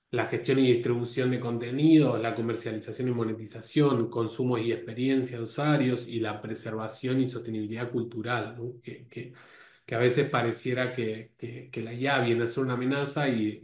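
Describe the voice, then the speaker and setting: A man with a medium-pitched, somewhat dark voice delivers a live course lecture in an echoey room. He often restarts his sentences awkwardly and adds tag questions to check on his audience.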